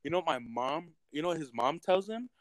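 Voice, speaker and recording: A young man in casual chat, telling animated stories and swearing constantly. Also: on the high side, a little fast, dry recording. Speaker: podcast co-host.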